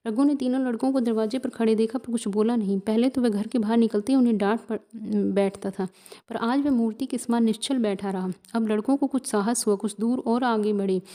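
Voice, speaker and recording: A woman narrating a classic short story in a steady storytelling manner, voicing every character. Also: fairly high pitch, a little fast.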